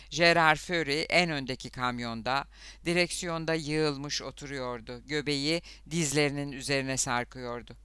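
A man narrating an audiobook in a steady, even storytelling manner. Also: a little high, smooth, no echo.

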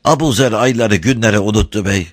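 This read-aloud story features a man's husky, lowish voice, moving a little fast, captured in clean studio sound without room noise. He portrays a wandering Bedouin shepherd who is earnest, humble and servile, pleading and repeating that he is a sacrifice.

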